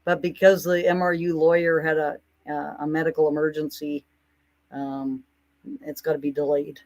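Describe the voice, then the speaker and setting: A woman's voice: low voice, little pitch movement, moderate pace, a little mellow. Woman commentator, rambling casual monologue, indignant and mocking.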